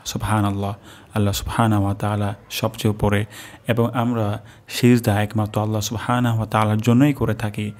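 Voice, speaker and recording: A man teaching the correct pronunciation of a prayer, slowly repeating each syllable in careful drills. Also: lowish voice, little pitch movement, a little mellow. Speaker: Quran recitation teacher. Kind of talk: religious pronunciation lesson.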